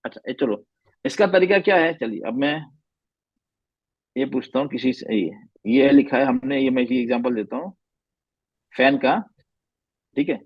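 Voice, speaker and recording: Man, tajweed teacher, patient, repeats sounds slowly, dull lo-fi sound. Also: mid-range voice, expressive, vocal fry, breathy edge, no room sound. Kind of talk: online class instruction.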